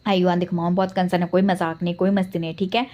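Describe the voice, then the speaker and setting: A woman's voice: fairly low pitch, little pitch movement, fast, darkish tone, pitched below the performer's own voice, natural voice. A woman voicing a tearful, overprotective young father who fusses and pleads. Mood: fretting. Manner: fussy, pleading.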